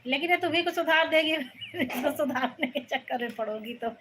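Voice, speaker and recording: Woman with a high voice doing a chatty home livestream on her phone, calls out viewers by name, tells off a kid in between. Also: a little fast, a bit bright, slight background noise. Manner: chatty, welcomes viewers by name and scolds a child off to the side. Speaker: live-stream host. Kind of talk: casual live-stream chat. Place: a room at home.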